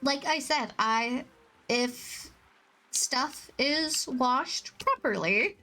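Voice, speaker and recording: A woman's voice: high voice, extremely slow. A woman streamer chatting casually with her chat while playing a game, rambling and self-mocking, often laughing at her own jokes. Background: soft background music.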